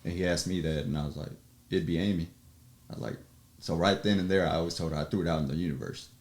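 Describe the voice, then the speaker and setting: A low-pitched man talks as a podcast guest in a loose, conversational way. He tells his story with energy, slipping into quoted voices and breaking into laughter. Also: fast talker. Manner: animated storyteller, acts out quotes, laughs often. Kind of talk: casual storytelling chat.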